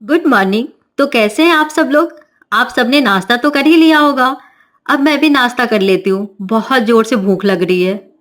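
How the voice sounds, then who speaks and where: A woman's voice: on the high side, moderate pace, a bit bright, close to an everyday voice. A woman voicing a lazy, cheeky young daughter-in-law who talks back in a sulky way in a cartoon story. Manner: sulky, backtalking.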